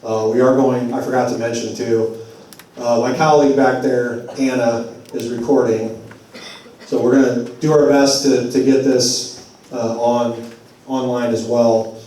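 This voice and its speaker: Male speaker at a public meeting, mellow tone, casual and digressive, voice wearing thin, heard from afar in a very echoey room. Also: medium pitch, little pitch movement, measured pace. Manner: conversational, loose and digressive. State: losing his voice. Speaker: advocacy group speaker at a community forum. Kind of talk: public address at a community meeting. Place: church meeting hall. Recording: very echoey hall, voice far from mic.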